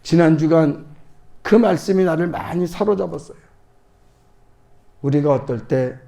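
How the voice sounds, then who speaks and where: Middle-aged male pastor, high gravelly voice, dramatic sermon delivery. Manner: dramatic preaching, acting out quoted prayers in a hushed voice.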